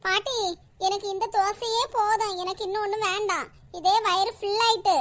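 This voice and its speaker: A woman's voice: extremely high pitch, fairly even intonation, normal speed. A woman voicing a polite little granddaughter in a cartoon, with a Kanyakumari Tamil accent. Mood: sweet.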